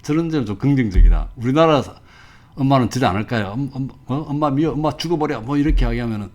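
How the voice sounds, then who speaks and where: A man's voice: mid-range voice, lively intonation, fast talker, darkish tone. An older man giving a professor's lecture, reading passages aloud and telling anecdotes in a chatty way. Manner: conversational, tells anecdotes, reads quotes with feeling.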